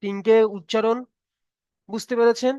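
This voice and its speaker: Male tutor, high and clear voice, close and dry sound, patient and repetitive. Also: steady tone, moderate pace, darkish tone, dry recording, lo-fi sound. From Bengal. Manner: patient, repeats each point and checks understanding. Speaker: Quran reading teacher. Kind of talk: online tutoring class.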